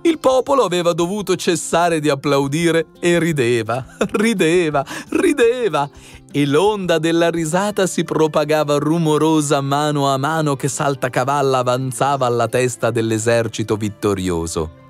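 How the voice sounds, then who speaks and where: A man narrating a fairy tale with expressive, animated storytelling. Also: a little high, normal speed, few pauses, soft background music. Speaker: audiobook narrator.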